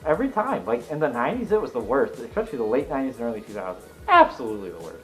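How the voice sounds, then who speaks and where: A man's voice: medium pitch, huge pitch swings, rapid-fire, a bit bright, low-quality recording. A man chatting casually about cars in an emphatic, explanatory, jokey way. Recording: music in the background.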